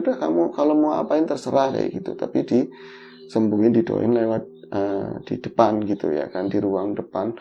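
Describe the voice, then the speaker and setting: A middle-aged man with a Javanese accent, telling his own story in a casual, animated way. His voice jumps up in pitch at the tense parts. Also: gravelly. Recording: dull lo-fi audio with faint noise.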